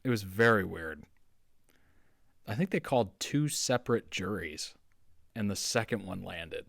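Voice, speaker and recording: A man's voice: lowish voice, animated, unhurried, creaky, a bit bright, no echo, clean studio sound. A man giving casual, chatty commentary as the host of a reaction video.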